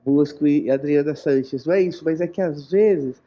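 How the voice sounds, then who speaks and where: A woman's voice: low-pitched, normal speed, mellow, lo-fi sound. A woman hosting a casual interview, enthusiastic and often jumping in with short replies. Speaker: host and producer.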